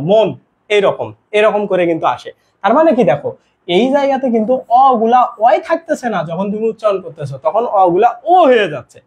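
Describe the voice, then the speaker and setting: Young guy teaching grammar online, husky voice, high and bouncy, keeps asking u follow?. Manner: lively explaining with constant check-in questions. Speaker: admission test tutor.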